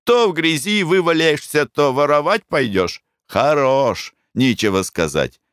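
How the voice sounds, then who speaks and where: A man's voice: on the high side, animated, a little slow, a bit bright, clean tone, dry recording, clean studio sound, voice pushed up. A man voicing a jovial merchant teasing his friend in an audiobook.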